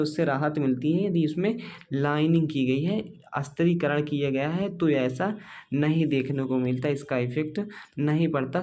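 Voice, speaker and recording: A man's voice: fairly high pitch, darkish tone, slight background noise. A male teacher giving an exam-focused lecture, explaining step by step with many rhetorical questions and calling the students dear and brother.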